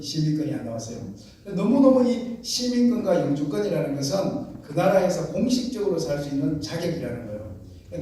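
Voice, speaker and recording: A man from the region preaching as a missionary pastor, telling a story in an animated way and acting out shouting family members. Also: sits high. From Gyeongsang region, Korea. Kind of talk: storytelling sermon. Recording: echoey hall, distant mic, faint noise.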